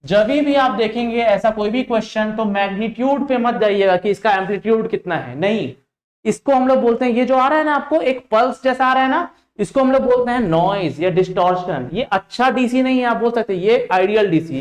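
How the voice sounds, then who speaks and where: A man's voice: high voice, lively intonation, brisk. Indian man teaching in an echoey room. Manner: interactive, repeats "ठीक है" and "देखिएगा", drills students with questions. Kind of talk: live online class, quizzing students.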